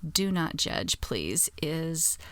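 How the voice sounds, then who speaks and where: A woman's voice: sits low, big pitch swings, drawn-out words, a bit bright, a little hiss or hum. A woman in her forties hosting a casual, rambling podcast chat, recorded inside a small closet at home. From United States. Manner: chatty and rambling. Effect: recorded inside a closet, dead and close. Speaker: podcast host.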